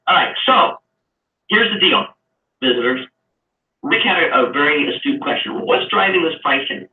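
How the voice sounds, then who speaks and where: A man's voice: on the high side, expressive, normal speed. A man teaching a live trading session in a chatty way, explaining through long everyday comparisons. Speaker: trading instructor. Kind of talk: live online trading lesson. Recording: echoey, far from mic, tinny lo-fi sound with faint noise.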